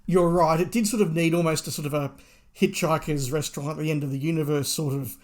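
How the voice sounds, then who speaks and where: A man's voice: fairly high pitch, fairly even intonation, fast talker. A man co-hosting a podcast, talking hesitantly and often restarting his sentences. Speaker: podcast co-host. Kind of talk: casual review chat.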